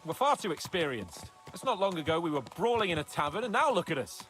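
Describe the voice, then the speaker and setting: A cocky young nobleman from a video game, boastful and high-spirited. His voice is high and very animated, with theatrical flourishes and faint music underneath. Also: quick pace. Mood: proud, reminiscing. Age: young adult.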